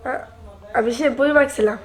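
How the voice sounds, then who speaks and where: A woman's voice: high voice, fairly quick, lightly acted. A woman playing a young bride married to an old man, coy and evasive in a comic drama. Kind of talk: comic audio drama acting.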